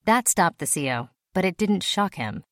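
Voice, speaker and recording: A woman narrating a story in a steady, even reading voice. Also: lowish voice, normal speed, dry recording, clean studio sound. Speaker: audiobook narrator. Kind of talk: scripted narration.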